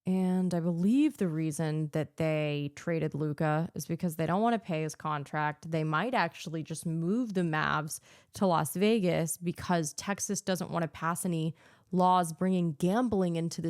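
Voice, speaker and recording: A woman's voice: fairly low pitch, darkish tone, no echo, clean studio sound. A woman from the United States hosting a podcast, delivering an earnest, ranting political monologue full of filler words. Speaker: podcast host.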